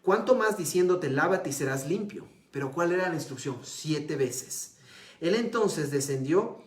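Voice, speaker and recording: Man preaching in an echoey room. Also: measured pace. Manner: animated retelling with lively pitch swings; drops to a hushed low voice for emphasis. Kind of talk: sermon.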